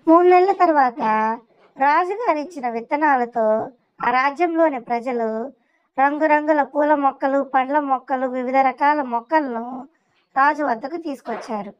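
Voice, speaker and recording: A woman with a high voice presents and narrates a children's school skit the way a teacher would, in a scripted storytelling style. She speaks at normal speed, and the audio is dull with no echo.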